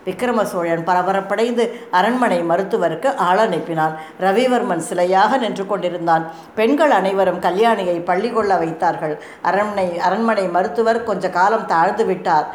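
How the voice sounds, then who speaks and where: A woman narrates a historical novel in a measured, dramatic reading voice. Her voice rings in an echoey room, with a faint hiss behind it. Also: medium pitch.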